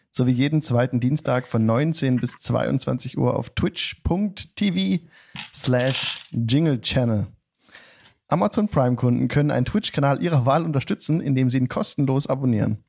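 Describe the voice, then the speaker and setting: Guy game master recapping a tabletop session, low-key mellow voice with gravelly creak, drawn-out storytelling. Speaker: game master, stream host.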